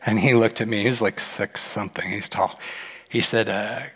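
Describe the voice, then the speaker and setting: A man preaching a sermon as a pastor, animated and telling stories, sometimes acting out the voices in them. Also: moderate pace, husky. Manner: animated, acts out quoted voices with big pitch jumps. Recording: long hall reverb.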